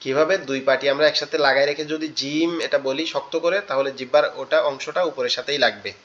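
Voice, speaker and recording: A man's voice: mid-range voice, steady tone, fast, fairly bright tone, muffled recording, slight background noise. A man teaching Quran recitation in an online class, patiently repeating each letter sound and explaining where it is formed. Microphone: online class audio.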